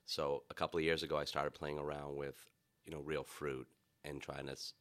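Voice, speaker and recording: A man with a Boston accent chatting casually as a guest about making flavored vodka, relaxed and unhurried with many fillers. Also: rumbling low. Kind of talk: casual chat.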